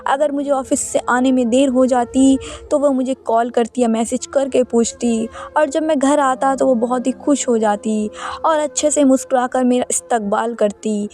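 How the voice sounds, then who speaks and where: Lady with a high voice narrating a family story, soft music under it. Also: steady tone. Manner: reads a first-person tale in a man's voice.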